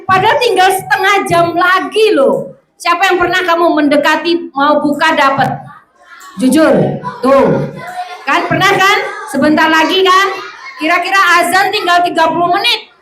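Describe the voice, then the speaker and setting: Lively high-voiced woman teaching in a hall. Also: moderate pace. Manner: lively, calls out to hush and question pupils. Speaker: religious teacher at a school Ramadan camp. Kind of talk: classroom lesson to children. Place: school hall with children. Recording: echoey hall with background noise.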